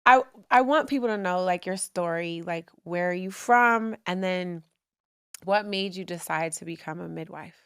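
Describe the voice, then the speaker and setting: Gushing, excitable woman podcast host. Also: fairly low pitch, moderate pace, clean tone, no room sound, clean studio sound. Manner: gushing, excitable, many fillers. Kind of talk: casual interview chat.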